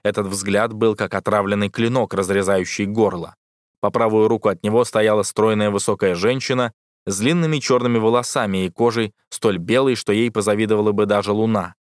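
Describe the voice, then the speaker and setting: A man reading a fantasy novel aloud as an audiobook narrator, steady and dramatic. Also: lowish voice, brisk, no echo, studio quality. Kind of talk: scripted narration.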